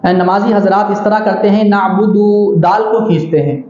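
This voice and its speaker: A man teaching correct Quran recitation, explaining slowly and deliberately, step by step. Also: high-pitched, darkish tone, slight background noise. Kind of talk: instructional talk with melodic recitation. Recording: very echoey, dull studio sound.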